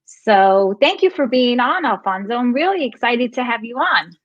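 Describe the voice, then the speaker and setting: A woman's voice: a little high, expressive, moderate pace, dry recording. An upbeat woman hosting a live talk show, introducing her guest with plenty of enthusiasm. Her voice sounds dry and close, with no room around it, and a bit dull and lo-fi. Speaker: host.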